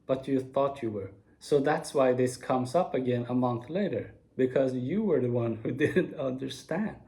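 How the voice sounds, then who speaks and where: A man in his forties giving a slow, earnest spoken reflection to camera, with soft laughs now and then. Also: mid-range voice. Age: 40s. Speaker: video speaker.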